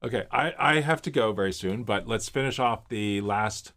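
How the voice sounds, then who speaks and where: On the low side and fairly bright in tone, this man's voice moves at normal speed. He's a Miami-raised livestream host in his fifties, chatting from his home office about viewer comments with rambling stories and many fillers.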